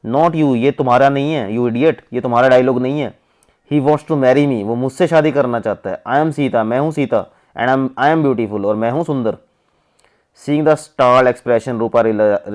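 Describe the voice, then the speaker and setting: Man, Indian English accent, teacher, lesson explanation, slow read-aloud then explanation, average pitch. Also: darkish tone. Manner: reads English lines slowly, then explains them in Hindi. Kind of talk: explaining an English textbook chapter in Hindi.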